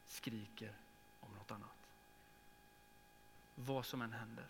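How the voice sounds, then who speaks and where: Male pastor, earnest sermon voice, faint hum in a church hall. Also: medium pitch. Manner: earnest, with emotional swells and soft prayerful drops. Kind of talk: sermon with prayer.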